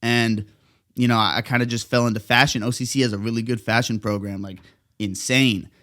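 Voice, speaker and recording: A man's voice: mid-range voice, a little fast. A young man from Southern California, a fashion design student, chatting as a podcast guest in an easygoing way, full of likes. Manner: easygoing, relaxed, lots of "like". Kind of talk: casual podcast chat.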